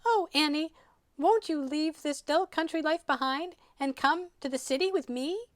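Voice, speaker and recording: A man's voice: very high-pitched, normal speed, fairly bright tone, no echo, pitched above the performer's own voice. A man voicing a grand, breezy female city mouse in a theatrical storybook manner. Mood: coaxing.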